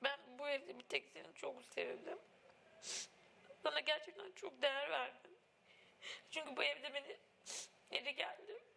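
Tearful high-voiced young woman, gravelly edge. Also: normal speed, pauses often, pushed and bright, slight background noise. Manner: tearful, pleading, breaks into crying laughs. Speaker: reality show contestant. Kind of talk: emotional heart-to-heart. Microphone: wireless body mic.

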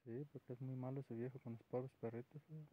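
A man with a Mexican Spanish accent chatting from behind the camera, asking gently teasing questions. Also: medium pitch, fairly even intonation, brisk. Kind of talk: casual chat. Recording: tinny phone-like sound.

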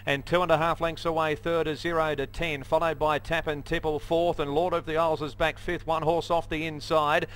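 A man's voice: a little high, level tone, fairly quick, hardly any pauses, a bit bright, smooth. A man with an Australian accent calling a horse race live, in a running commentary that lists runners and margins.

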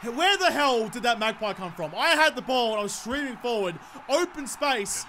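A man's voice: extremely high pitch, expressive, moderate pace, sharp tone, slight background noise. An Australian man in his twenties giving casual, sweary gameplay commentary with exasperated, sarcastic ranting. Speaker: gaming video host.

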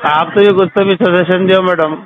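A customer on a noisy, narrowband phone line, a man from Hyderabad's Old City with a Hyderabadi accent, rambles through exasperated, repetitive complaints. His voice sits high, with fairly even intonation and a normal speed.

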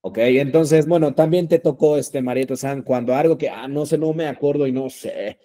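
A man's voice: medium pitch, normal speed, mellow. A man teaching a language class, patient and repetitive, with many fillers and check-ins. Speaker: Japanese teacher.

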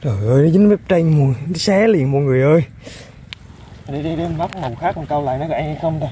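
A fishing vlogger stands outdoors by a muddy riverbank, giving viewers a fast, casual running commentary on his catch with excited exclamations. His voice is slightly high but mellow and soft-edged, with faint noise beneath the recording.

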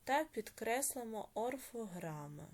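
A woman teacher with a Ukrainian accent giving an online lesson to young children and slowly dictating words with clear stress. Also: on the high side, sing-song, heavy background noise. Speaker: primary school teacher.

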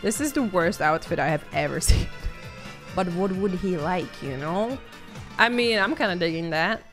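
A woman's voice: on the low side, animated, moderate pace, faint music behind. A woman streamer chatting with her viewers while she plays, giggling, swearing and easily distracted. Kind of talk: live-stream game commentary.

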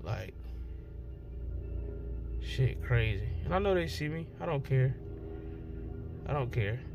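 A man's voice: medium pitch, expressive, slow, creaky, muffled recording, over music. A young man, talking in a casual, emotional, rambling vlog. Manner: emotional, heartfelt, slangy and rambling. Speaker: vlogger. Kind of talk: casual vlog talk to camera.

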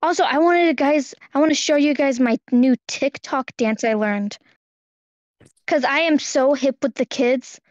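A woman's voice: sits high, no echo, muffled recording. A woman playing an overprotective dad who is clueless about trends and eager to seem hip, rambling and repeating words in an amateur roleplay. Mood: proudly clueless. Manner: halting, rambling, repeating phrases.

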